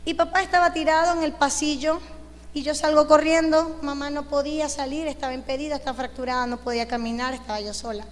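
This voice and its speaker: A young woman gives a sermon testimony in a high voice. She tells her story with feeling, acting out the dialogue and crying out praise. Her voice rings with the long reverb of a church hall. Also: fairly even intonation, fast. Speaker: preacher giving a testimony.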